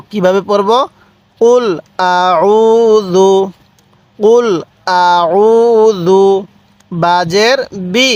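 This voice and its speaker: A man teaching Quran recitation, spelling out syllables slowly and patiently for learners to repeat. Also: high-pitched, dry recording. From Bangladesh. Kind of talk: slow spelled-out recitation lesson.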